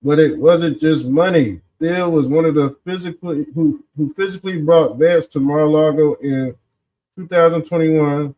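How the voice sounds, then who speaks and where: A man hosting an informal political commentary show, talking in folksy street style with drawn-out emphasis and a smug, sarcastic exposé manner. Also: fairly high pitch, warm tone, poor audio.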